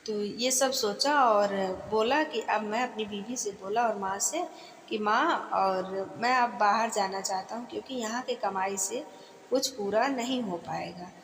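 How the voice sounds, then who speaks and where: A woman retelling a devotional folk tale in a homely, chatty way, often pausing on fillers and restarting her sentences. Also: medium pitch, a bit bright, slight background noise. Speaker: devotional storyteller. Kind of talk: casual folk-tale narration. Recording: echoey room with long reverb.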